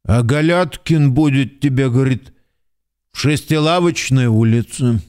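Tipsy evasive servant, radio drama, male actor; mid-pitched, slow repetitive drawl. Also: darkish tone, clear, resonant tone, lightly acted. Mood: droning. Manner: slow, droning drawl with repeated "he says". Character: stubborn, tipsy manservant, sly and evasive.

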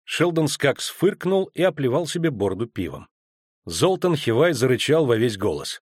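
A man narrating an audiobook in a steady, even storytelling manner. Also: medium pitch, moderate pace, slightly rough, no echo, clean studio sound.

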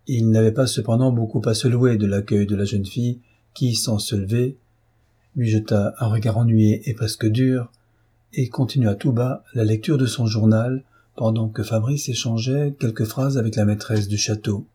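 Husky male audiobook narrator. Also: on the low side, normal speed. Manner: steady, even storytelling. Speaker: audiobook reader. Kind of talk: scripted narration of a classic novel.

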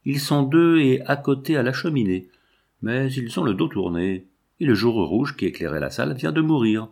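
A man's voice: medium pitch, lively intonation, moderate pace, gravelly, a little mellow, voice pushed up. A man voicing a burly male farmer gripped by fear, speaking in a shaky, faltering way. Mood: uneasy.

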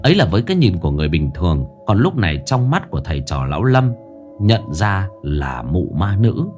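A man narrating a horror story in a lively, dramatic reading style. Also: deep voice, fairly quick, soft background music.

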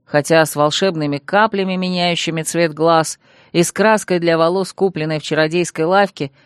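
A woman reading a fantasy novel aloud, telling the story with lively expression. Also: on the low side, normal speed, clear, resonant tone, dry recording, studio quality. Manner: lively storytelling, acting out the dialogue. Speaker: audiobook reader. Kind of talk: scripted narration.

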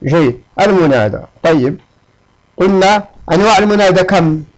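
A man's voice: high voice, expressive, moderate pace, dull audio. A man teaching a grammar lesson. He repeats his examples and checks on his listeners with a short "ha?" as he explains.

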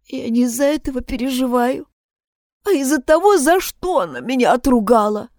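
Woman reader playing a high, tearful teen schoolgirl, pleading, dry close read. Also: sing-song, a little slow, darkish tone, no echo. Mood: desperate. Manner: pleading, sobbing outbursts. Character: distraught teenage schoolgirl, guilty and tearful. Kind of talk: audiobook character voicing.

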